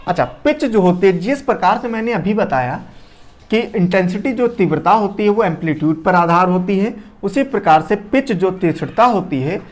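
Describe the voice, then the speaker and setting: A man's voice: sits high, lively intonation, normal speed. A man lecturing a class, repeating key terms, asking rhetorical questions and often checking that students follow. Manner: shifts loudness and speed to demonstrate. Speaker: teacher.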